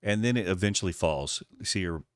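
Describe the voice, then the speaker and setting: Low-voiced man narrating a short film. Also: expressive, a little fast, dry recording, studio quality. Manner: narrates the woman's thoughts in playful quoted voices, laughing often. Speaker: composer breaking down his film score.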